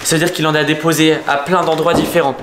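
A young man in his twenties filming himself in a dark house, talking to his viewers in a hushed, suspenseful voice. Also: on the high side, little pitch movement, fast talker. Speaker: youtuber acting in a home short film. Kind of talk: vlog-style acted sketch narration. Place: dark rooms of a house, indoors. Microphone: phone camera at arm's length. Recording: echoey rooms with background noise.

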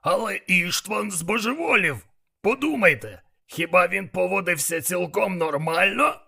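A blunt, bossy male demon snaps out his plans, as a man puts him on for an audiobook. The voice sits high and lively, with a gravelly, raspy bite. It sounds bright and forceful. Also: unhurried, exaggerated voice. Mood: scheming. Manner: blunt, scolding. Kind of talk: audiobook character voice.

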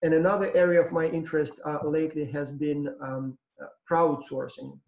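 A man in his thirties from Ukraine with a Ukrainian accent, giving a lecture to students over a webcam, relaxed and explanatory with frequent ums and uhs. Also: fairly high pitch, moderate pace, gravelly, roomy sound, rough recording. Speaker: professor. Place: room with brick wall and whiteboard. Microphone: webcam on video call.

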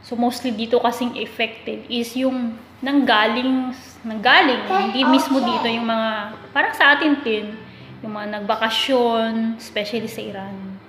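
A woman's voice: on the high side, fairly even intonation, a little slow, background noise. Chatty woman vlogging from a kitchen. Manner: chatty, complaining, mixing English into Tagalog. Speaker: vlogger, overseas domestic worker. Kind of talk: casual chat to camera. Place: kitchen, indoors. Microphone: phone camera at arm's length. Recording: echoey kitchen with music behind. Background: background music.

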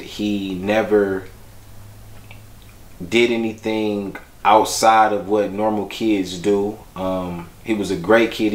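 A young man talking about his son in a documentary, reflective and halting, with many fillers. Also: on the low side, echoey room. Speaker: father. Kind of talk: documentary interview, personal storytelling.

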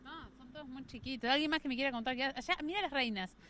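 Woman, TV host, Uruguayan Spanish accent, high, bright, chatty and exclamatory. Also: quick pace. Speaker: TV morning show host. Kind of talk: on-location TV interview.

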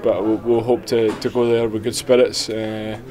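A young man gives a post-match interview in a small indoor press area. His voice sits fairly low, and he talks in a hesitant way, with frequent ums and restarts. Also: little pitch movement, moderate pace, a crowd in the background. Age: 20s. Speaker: footballer.

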